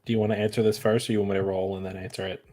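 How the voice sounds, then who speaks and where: A man's voice: fairly low pitch, level tone, racing, a little mellow. A man co-hosting a live online show, teasing and cracking jokes. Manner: teasing, wisecracking. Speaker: co-host. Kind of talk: casual live-stream chat.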